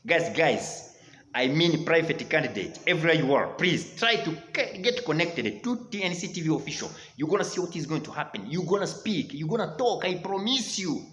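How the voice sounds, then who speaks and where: Rwandan guy teaching english, fairly high voice, pushy and repetitive, echoey room. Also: expressive, normal speed, a bit bright. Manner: repetitive, exhorting, keeps saying dear friends. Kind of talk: motivational language lesson.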